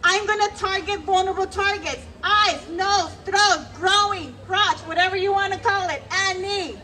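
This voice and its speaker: A woman with a very high, bright voice teaches self-defense at an outdoor rally through a handheld mic. She talks in a commanding, energetic way and shouts cues for the crowd to answer. Faint crowd sound and light noise sit behind her. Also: a little slow. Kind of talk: leading a crowd in call-and-response drills. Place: outdoor rally on a city hall lawn. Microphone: handheld microphone.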